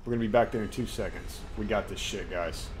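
Excitable man streaming a game. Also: fairly low pitch, quick pace, background noise. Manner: excitable, swears, talks straight to chat. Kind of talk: live gameplay commentary chatting with viewers. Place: home room at his desk.

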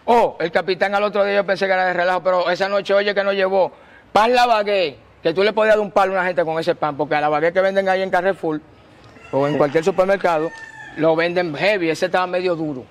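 A man, a guest telling his story in an animated, slangy way and acting out the quotes. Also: sits high, quick pace, slight background noise. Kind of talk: casual storytelling.

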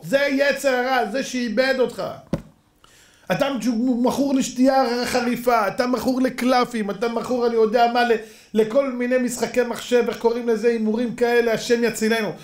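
High-voiced, gravelly male rabbi, emphatic preacher, echoey hall. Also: fairly even intonation. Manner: emphatic, rhetorical questions, acts out stories. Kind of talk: sermon.

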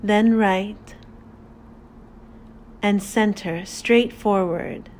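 Speaking extremely slowly with long pauses between instructions, a woman guides a meditation. Her mid-pitched voice is calm, deliberate and soothing, with faint ambient noise in the background.

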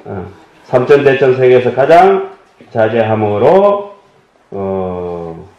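A man giving a Buddhist dharma lecture, explaining terms and asking his listeners questions with folksy humor. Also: medium pitch. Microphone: table microphone. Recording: dull echoey hall audio.

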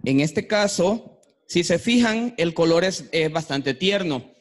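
A man, an artisan guest, explaining a natural dyeing technique to a workshop group, often pausing with fillers as he thinks. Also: fairly high pitch, expressive. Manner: explanatory, hesitant, fills pauses with "eh" and "este". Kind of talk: demonstration talk. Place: workshop room with attendees.

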